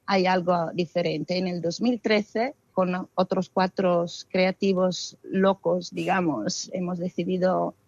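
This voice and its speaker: A woman's voice: lowish voice, slow pace, few pauses, dry recording. Woman, dry and muffled. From Italy. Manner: expressive, with frequent hesitations. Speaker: guest, arts festival founder. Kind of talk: interview answers.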